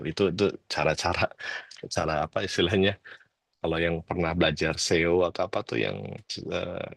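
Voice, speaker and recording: A middle-aged man with a very low voice talks in a relaxed, rambling way, full of hesitations and borrowed English words. The sound is close and dry, with no room echo. He comes across as an easygoing advisor sharing tips. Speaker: guest advisor on working abroad. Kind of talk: casual advice talk. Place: lives abroad, talks from home.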